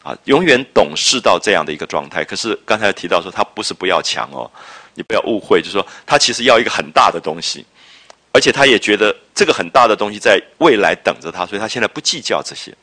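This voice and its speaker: A man with a low but forceful voice lectures on a classic novel, his pitch rising and falling in a lively way. He explains in a drawn-out, reflective manner and keeps asking his listeners whether they follow. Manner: explanatory, checks understanding with rhetorical questions; drawn-out, reflective phrasing with frequent interjections. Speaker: literature lecturer.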